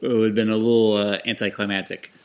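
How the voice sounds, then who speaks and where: A man's voice: fairly low pitch, flat delivery, fast. Easygoing man in casual podcast chat. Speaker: podcast co-host. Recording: echoey room.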